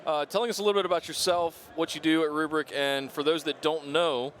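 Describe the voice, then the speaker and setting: A man's voice: fairly high pitch, fairly even intonation, brisk, fairly bright tone. A man hosting a live-stream interview in a chatty, informal, casual way. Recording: noisy busy event floor background.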